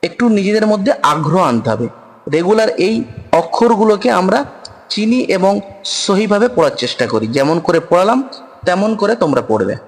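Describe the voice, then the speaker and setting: Man with a Bengali accent, patient letter-by-letter lesson, slightly high voice, long reverb. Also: lively intonation. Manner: patient, repeats each letter, many filler pauses. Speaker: Quran reading teacher. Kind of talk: slow spoken lesson on Arabic letters. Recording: long reverb, room echo.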